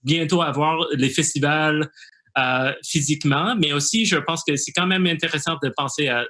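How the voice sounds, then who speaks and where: Bright-voiced man with English-accented French. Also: on the high side, normal speed. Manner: hesitant, searching for words, non-native grammar. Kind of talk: unscripted video talk.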